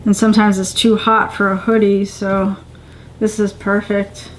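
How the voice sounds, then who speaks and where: A woman's voice: mid-range voice, level tone, a little slow, slight background noise, rough recording. A middle-aged woman chatting casually to camera as she unboxes items, with gushing exclamations among plain remarks. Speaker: vlogger unboxing a subscription box. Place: indoors, home living room on a couch.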